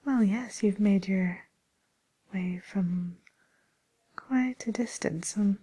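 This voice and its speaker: In an ASMR roleplay, a woman voices a polite, attentive receptionist at a fairy-tale dating agency. She speaks slowly in a soft, breathy, hesitant whisper with a mid-range voice.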